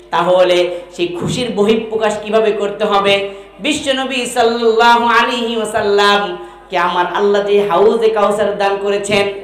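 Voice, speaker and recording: Fervent male preacher in an echoey space. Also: sits high. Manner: fervent, asks the crowd rhetorical questions, swells to shouts. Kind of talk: impassioned sermon. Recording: echoey, roomy recording.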